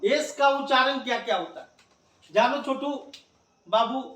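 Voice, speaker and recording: Male tutor, high-pitched, drilling pronunciation, recorded from afar in a roomy space. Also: unhurried, a bit bright. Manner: drills with repeated questions, coaxing the viewer. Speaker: English teacher. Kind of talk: classroom lesson at a board. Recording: echoey room, mic at a distance.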